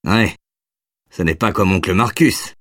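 A man's voice: low-pitched, measured pace, fairly bright tone, no room sound, clean studio sound, distant mic. A man voicing a tired single father, firm and a bit exasperated, in an audiobook reading. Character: weary single father, stern but tender.

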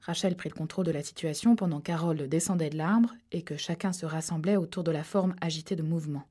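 A woman reading a suspense novel aloud, steady and measured. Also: sits low. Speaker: audiobook narrator. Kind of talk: scripted narration.

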